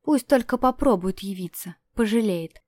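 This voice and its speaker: A woman reading an audiobook and voicing a bold, rebellious young woman who speaks loudly and teasingly. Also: mid-range voice, expressive, moderate pace, no echo, lightly acted. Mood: defiant.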